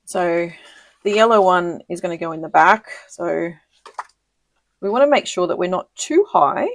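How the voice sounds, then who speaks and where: A woman talks through a crafting project on a live stream, chatty and quick to laugh, with plenty of ums and restarts. Her voice sits a little low, and the sound is dry and close with no room around it. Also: animated, no room sound. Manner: chatty, giggly, lots of ums and self-corrections. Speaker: papercraft demonstrator hosting a live video. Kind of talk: casual live crafting tutorial.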